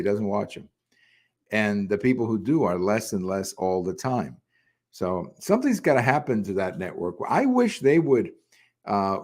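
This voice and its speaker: Older male host, low-pitched, rambling solo opinion monologue with plenty of restarts. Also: a little mellow. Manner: conversational, frequent "uh" and restarts. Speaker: podcast host. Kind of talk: solo political commentary.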